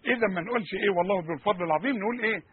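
A man with an Egyptian Arabic accent teaching Quranic pronunciation, repeating sounds and questioning his listeners in an animated way. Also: high-pitched, racing, husky, dry recording, phone-quality sound.

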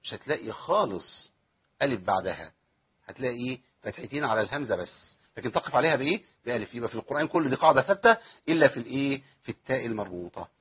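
Speaking rapid-fire in a husky, mid-range voice with big swings in pitch, a man with an Egyptian accent teaches Quran recitation rules. He answers his own questions and draws out recited verses as examples in this tajweed lesson. The audio has its highs cut off.

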